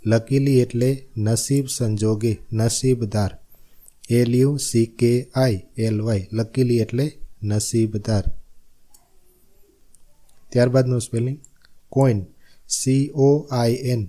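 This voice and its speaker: His voice is very dark and mellow, mid-range, with a Gujarati accent from Gujarat, India, as he teaches spelling slowly with long pauses. Letter by letter he spells each word, then repeats the meaning in a steady classroom cadence.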